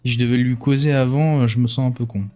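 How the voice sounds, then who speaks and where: A man's voice: mid-range voice, steady tone, fast talker, warm tone, faint music behind. A man doing casual let's play commentary, thinking aloud in an informal, self-mocking way.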